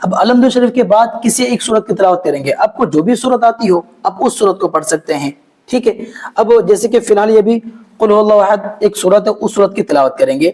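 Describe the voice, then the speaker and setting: A man teaching how to pray step by step, patient and repetitive, often pausing to check that the viewer understood. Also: high voice, animated, darkish tone, poor audio. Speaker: Islamic prayer teacher. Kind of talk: step-by-step instructional demonstration.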